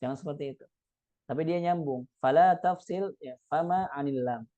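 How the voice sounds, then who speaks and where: A man teaching Quran recitation. He reads the text aloud, explains it with casual fillers and sounds out the verses slowly. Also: a little high, warm tone, dry recording, lo-fi sound. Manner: demonstrates recitation slowly and deliberately.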